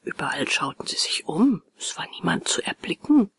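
A woman narrating a children's storybook aloud in an expressive way. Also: on the low side, normal speed, vocal fry, breathy edge, in a whisper.

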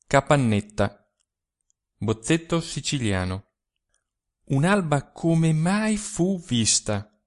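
A man narrates a classic short story in a volunteer audiobook. His reading is expressive and unhurried, with a mid-range voice and a slow, deliberate pace. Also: medium pitch.

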